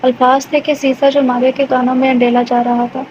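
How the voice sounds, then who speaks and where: Female audiobook narrator, high and flat delivery, scripted romance narration, dull lo-fi recording. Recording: dull lo-fi with faint hiss.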